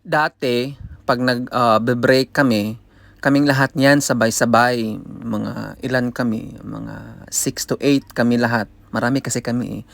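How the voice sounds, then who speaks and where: Mixing Tagalog and English, a vlogger from the Philippines tells a laid-back story in an unhurried, gravelly mid-range voice with a steady tone. He chats freely and laughs a lot along the way, on a dry recording.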